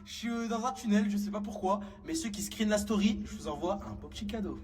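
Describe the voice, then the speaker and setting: A man's voice: sits high, fast talker, darkish tone, slightly rough. A man recording a casual vlog on his phone, playful and teasing. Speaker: Snapchat vlogger.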